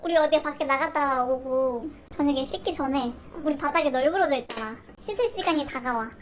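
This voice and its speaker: A woman's voice: high voice, a little fast. A young woman chatting casually and teasingly with her partner, laughing often. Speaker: vlogger in a couple. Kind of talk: casual chat.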